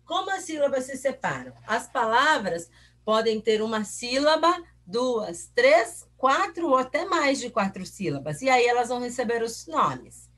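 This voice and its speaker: A woman's voice: on the high side, very animated, a little slow, a bit bright. A woman teacher, giving a recorded review lesson for pupils. She asks the class questions patiently and stretches out example words syllable by syllable.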